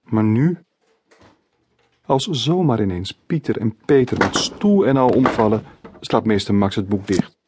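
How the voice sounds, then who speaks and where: A man narrating his own children's storybook as an audiobook, in clear, measured storytelling. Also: on the low side, lively intonation, background noise. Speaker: author reading his own book.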